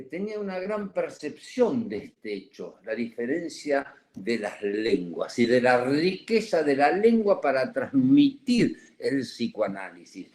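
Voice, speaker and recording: A man's voice: a little high, a little mellow. A man giving a psychoanalysis seminar lecture, digressive and full of "¿eh?" tag questions, with a cough and an itchy throat.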